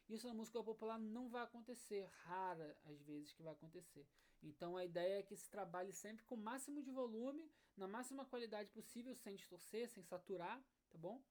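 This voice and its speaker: This online music teacher speaks in a mid-range, darkish voice, walking her students through each step. Frequent "né?" and "tá bom?" check-ins punctuate her explanations, with soft acoustic guitar in the background.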